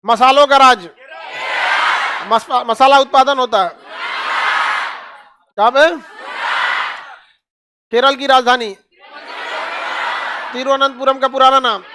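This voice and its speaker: A male teacher running an online map class, drilling facts in quick call-and-response and repeating each answer. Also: extremely high pitch, background noise.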